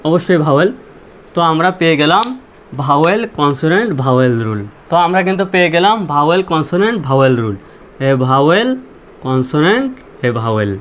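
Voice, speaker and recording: Man giving a slow, repetitive language lesson. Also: on the high side, animated, fairly bright tone. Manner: slow and repetitive, asking questions and answering them himself. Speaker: English teacher.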